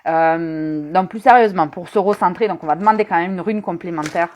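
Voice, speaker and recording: A rune reader with a fairly low voice chats with her live-stream audience in a relaxed, teasing way. She addresses viewers directly, frequently stalling on hesitant fillers.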